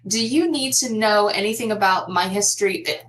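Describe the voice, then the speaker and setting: A woman hosting an online interview over a video call, chatty and quick to laugh, asking long run-on questions. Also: mid-range voice, fairly bright tone, rough recording. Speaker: host.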